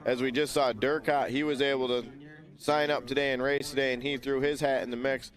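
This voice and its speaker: A man's voice: medium pitch, flat delivery, fairly quick. A man co-hosting live race commentary from an announcers booth, easygoing and teasing.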